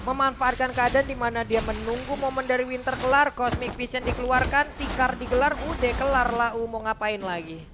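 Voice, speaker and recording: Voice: mid-range voice, steady tone, normal speed, hardly any pauses, background noise. An esports co-caster with an Indonesian accent giving live game commentary mixed with casual banter. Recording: music behind the voice. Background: music.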